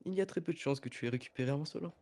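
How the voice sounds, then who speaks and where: A man's voice: on the high side, racing, dark tone, slight background noise, natural voice. A man voicing an anime dub of a composed, menacing villain, speaking formally and theatrically. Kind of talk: French anime dub parody, scripted villain monologue.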